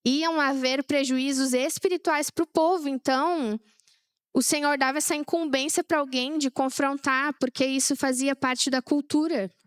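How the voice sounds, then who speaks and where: A woman's voice: high-pitched, steady tone, moderate pace, dry recording, clean studio sound. A young woman preaching a sermon, chatty and sharing personal stories with the congregation.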